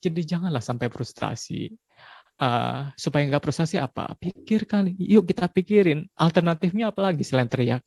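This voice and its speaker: A man in his forties giving a parenting talk in a relaxed, conversational way, dropping frequent tag questions. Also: a little high, normal speed, no room sound. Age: 40s. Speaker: parenting speaker.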